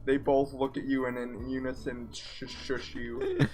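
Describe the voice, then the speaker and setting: A man's voice: mid-range voice, flat delivery, measured pace, darkish tone. A young man co-hosting a comedy podcast, joking crudely and laughing often over faint background music. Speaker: podcast co-host. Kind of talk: casual comedic chat.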